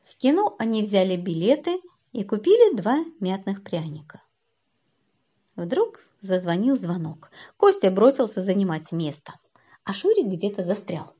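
A woman reading a children's story aloud as storyteller, expressive and moving between loud and hushed, on a dull lo-fi recording. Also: mid-range voice, measured pace, husky.

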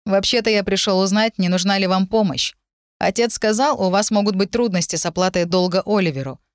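A woman's voice: mid-range voice, brisk, dry recording, studio quality, close to an everyday voice. A woman doing a shy, eager young man. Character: young male blacksmith's son, shy, eager.

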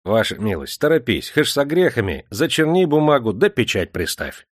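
A crafty, fawning clerk, as a male narrator puts him on, talking nervously and wheedling with his master. His pitch swings widely as he frets. Dry, close sound. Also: big pitch swings, normal speed, no echo. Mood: anxious, fawning. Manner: nervous, servile.

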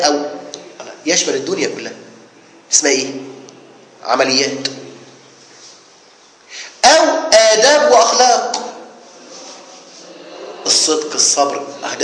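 A man's voice: on the high side, a bit bright. A man with an Egyptian accent teaching a lesson on jurisprudence to a class, putting questions to his students and then answering them himself. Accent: Egyptian Arabic. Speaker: sheikh teaching Islamic jurisprudence. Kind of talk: classroom lecture. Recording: echoey hall with faint background noise.

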